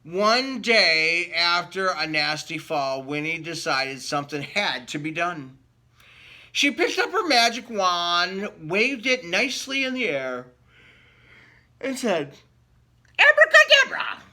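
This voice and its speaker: A man reads a picture book to children in a high, bright, forceful voice that is very animated yet slow in pace. He stays playful throughout, adding asides that quiz his young listeners.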